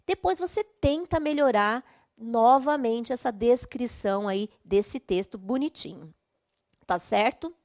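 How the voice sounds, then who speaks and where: A woman's voice: a little high, unhurried, darkish tone. A woman with a Brazilian Portuguese accent teaching an online English class, explaining patiently step by step and checking in often.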